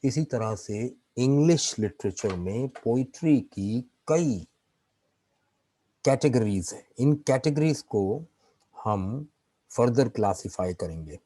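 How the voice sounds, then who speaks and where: A man's voice: medium pitch, animated, slow pace, warm tone, dry recording, poor audio. A man teaching an online literature class. He explains patiently, mixes English terms into his talk, and keeps checking in with his students.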